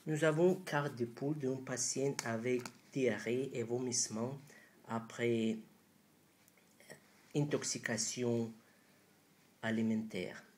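A man in his thirties gives a lesson in French with a foreign accent, clearly not his native language. He speaks extremely slowly and haltingly at an average male pitch, searching for his words. The amateur indoor recording has faint background noise. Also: steady tone, a little mellow. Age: 30s. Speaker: doctor presenting an acupuncture method. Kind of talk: instructional presentation. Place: small room indoors.

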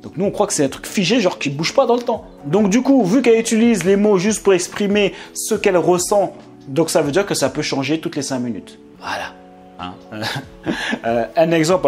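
Casting man, fairly high voice, chatty monologue host, mimics others, laughs easily, faint music underneath. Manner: animated, acts out quoted voices, laughs often. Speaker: YouTube channel host. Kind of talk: casual monologue to camera.

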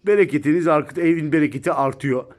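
A man's voice: a little high, quick pace. A man chatting casually to viewers about his cat in a home video, filmed on a phone indoors. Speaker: pet vlogger.

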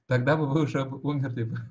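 A man's voice: medium pitch, fairly quick, dull audio. Male interpreter's translation voice-over. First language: Russian. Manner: relays each phrase right after the speaker, plain and even. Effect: translation voice-over, interpreting the speaker aloud. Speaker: live interpreter. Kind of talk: consecutive interpreting in an online talk.

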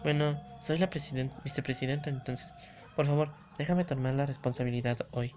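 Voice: medium pitch, fairly even intonation, brisk, close to an everyday voice. Un jugador que lee en voz baja y vacilante los diálogos de una chica adolescente tímida y angustiada de un videojuego, en una grabación apagada de baja calidad. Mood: timid pleading. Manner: soft, hesitant, repeats words. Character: shy anxious teenage girl, apologetic. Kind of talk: reading game dialogue aloud. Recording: dull lo-fi recording.

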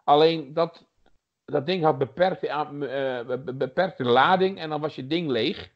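A man's voice: on the high side, unhurried. Male podcast co-host, casual and rambling, muffled lo-fi audio. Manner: rambling, many fillers and restarts. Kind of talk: casual chat about retro games.

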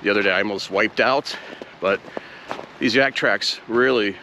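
A man's voice: fairly low pitch, moderate pace, pushed and bright, slight background noise. Easygoing man vlogging on a snowy trail. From Ohio. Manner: easygoing, self-deprecating, frequent "uh" fillers. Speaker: outdoor vlogger. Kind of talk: casual hiking vlog.

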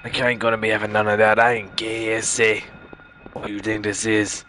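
A young man doing gameplay commentary puts on a strained character voice of a swaggering, tough-talking street gangster, tagging his lines with repeated street slang. His voice is fairly low, monotone, bright and forceful, delivered a little fast over slight background noise.

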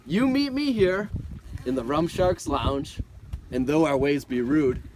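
A man voicing a rough, jovial male bosun hatching a plan, in a loud, raised storytelling voice. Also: fairly high pitch, animated, a little slow, noisy background. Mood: scheming.

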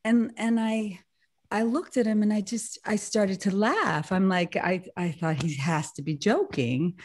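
A woman's voice: mid-range voice, measured pace, slight background noise. A woman on a video call sharing a personal story with a group, laughing often as she talks. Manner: animated, laughing often, many restarts. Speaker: satsang participant sharing a story.

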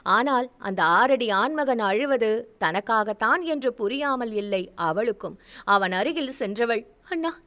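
A woman reading a novel aloud as an expressive audiobook narrator. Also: a little high, a little slow. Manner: expressive storytelling.

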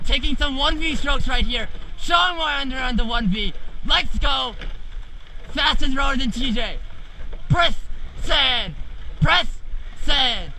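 A man's voice: very high voice, gravelly, pushed and bright, low-quality recording. A teenage male coxswain calling out urgent, clipped, repeated commands to a rowing crew. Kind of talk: shouted race calls to a rowing crew. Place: outdoors in a racing shell on a lake. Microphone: camera mounted on the boat near the speaker. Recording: action camera outdoors, wind and water noise.

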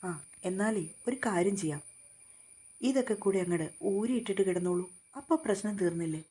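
A woman's voice: mid-range voice, normal speed, warm tone, slightly rough, lightly acted. A woman voicing a stern, short-tempered young husband who scolds and gives orders in a storybook reading. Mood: scolding. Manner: scolding, commanding.

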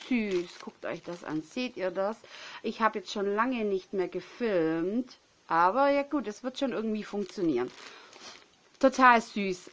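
A woman in her thirties chatting casually at home as she unboxes craft gifts, excitable and gushing, tired and sniffly with a runny nose. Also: medium pitch. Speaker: crafting vlogger.

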